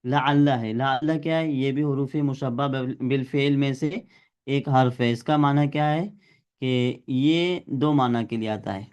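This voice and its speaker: A man's voice: medium pitch, a little slow, a little mellow, clear, resonant tone. A male teacher giving a classroom grammar lesson, explaining step by step and quizzing his students.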